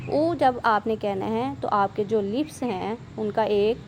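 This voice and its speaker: A woman teaching Quranic letter pronunciation to a student. She drills each syllable slowly and clearly, then explains quickly in between. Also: a little high, a little mellow, slight background noise. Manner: addresses listener as "student", patient instructive tone. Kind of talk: online Quran pronunciation lesson.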